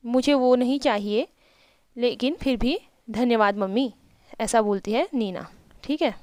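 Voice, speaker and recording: A woman teaching, reading a storybook in English slowly and then explaining it at length with rhetorical questions. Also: on the high side, darkish tone, clear, resonant tone, no room sound. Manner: repeats and rephrases, asking rhetorical questions.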